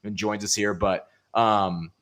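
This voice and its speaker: A man hosting a sports podcast in casual chat, relaxed and filling gaps with ums before he passes the talk to his co-hosts. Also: on the low side, slow. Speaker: podcast host.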